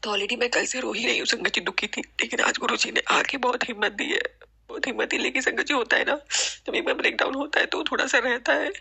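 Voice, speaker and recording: A woman's voice: on the high side, quick pace, gravelly, pushed and bright, husky. A woman giving an emotional, tearful devotional testimony, earnestly addressing her listeners again and again. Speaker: devotional satsang speaker.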